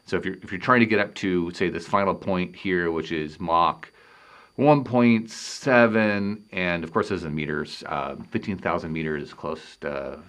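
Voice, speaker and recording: Deep-voiced man lecturing at a whiteboard. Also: a bit bright. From Canada. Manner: halting, thinks aloud while writing equations.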